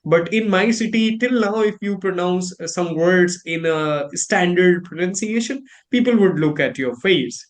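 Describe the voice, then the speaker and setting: Indian guy hosting a chat, kinda high voice, tells stories and acts out how people react. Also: unhurried, few pauses. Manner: animated storytelling, acts out reactions. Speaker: host. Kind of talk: casual chat about pronunciation.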